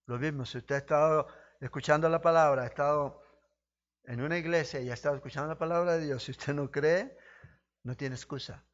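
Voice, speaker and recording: A man preaching a sermon as pastor, impassioned, with rhetorical questions to his listeners, surging to emphatic peaks and dropping low. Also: a little fast, lo-fi sound.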